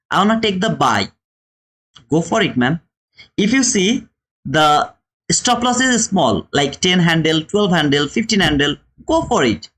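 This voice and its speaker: Speaking to his livestream audience, a trading teacher with a Bangladeshi accent runs a live lesson in a high, somewhat bright, husky voice. He is emphatic, repeats phrases and throws out rhetorical questions as he gives his instructional commentary.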